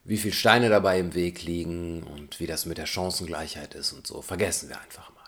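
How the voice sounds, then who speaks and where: A man's voice: deep voice, steady tone, fairly quick, a bit bright. A man giving a reflective spoken essay in a thoughtful, questioning, argumentative way.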